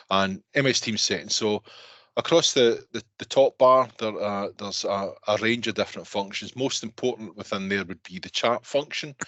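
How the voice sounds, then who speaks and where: A middle-aged man with a Scottish accent introducing an online workshop informally, halting and repeating words, on a video call. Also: on the low side, a bit bright, no echo. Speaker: programme lead hosting an online workshop. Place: indoor room, on a video call. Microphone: video call microphone.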